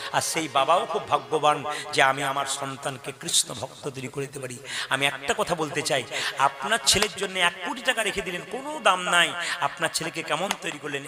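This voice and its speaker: A man preaches in a devotional kirtan, his voice sitting a little high. He keeps it chatty and playful and puts questions to the crowd. Music plays clearly under him. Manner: chatty, playful, addresses the audience directly with questions. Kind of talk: devotional kirtan sermon mixing song and talk. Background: musical accompaniment.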